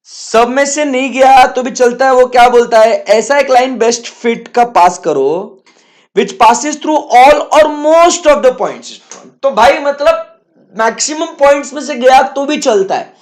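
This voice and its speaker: A man's voice: extremely high pitch, expressive, slow. A male teacher giving a lecture, bantering playfully with his students in slang and repeating his questions to the class.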